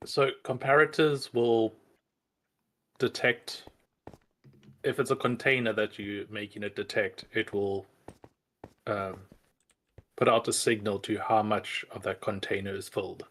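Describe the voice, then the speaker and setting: A man's voice: on the low side, fairly even intonation, unhurried, pauses often, fairly bright tone. A man with a South African accent, patiently explaining game mechanics in casual voice chat with some hesitant fillers.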